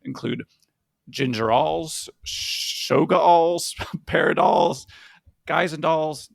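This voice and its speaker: A young man with a very gravelly, husky voice co-hosts a casual health podcast. He explains science in plain, easygoing words and laughs easily. The sound is dry and close. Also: on the high side, very slow, no echo. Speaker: podcast co-host, physician.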